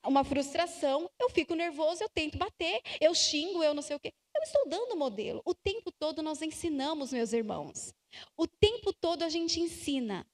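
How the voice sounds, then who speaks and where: A Brazilian woman giving slow, emphatic advice to parents at a church family conference, acting out little dialogues. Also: high voice. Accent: Brazilian Portuguese. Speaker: conference speaker. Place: church hall. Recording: church hall with long reverb.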